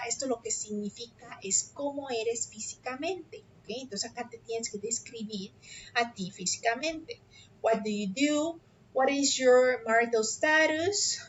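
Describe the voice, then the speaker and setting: A woman teaching an online English class, explaining an assignment patiently and often checking understanding with a quick "ok?". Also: on the high side, a little hiss or hum. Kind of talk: explaining an assignment on a video call. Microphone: computer mic on a video call. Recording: dull lo-fi video call audio.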